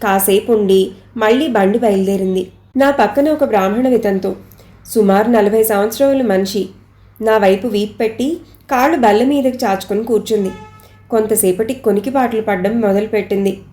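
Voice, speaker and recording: A woman reads a story aloud with steady, measured first-person narration. Her voice sits at a middle pitch. The reading was recorded in an echoey room. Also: soft background music.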